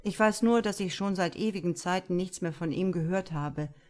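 A woman voicing a grumpy, cynical male police detective in a crime audiobook, with gruff sarcastic remarks. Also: fairly low pitch, normal speed, darkish tone, lightly acted. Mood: sober.

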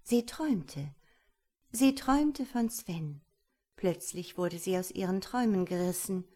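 A woman calmly reading a fairy tale aloud as narrator. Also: mid-range voice. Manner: calm, unhurried storytelling.

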